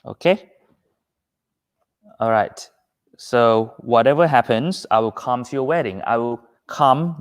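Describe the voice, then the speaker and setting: A man with a Thai accent teaching English in a live-streamed quiz lesson, patient and unhurried as he reads out viewer comments. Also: medium pitch. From Thailand.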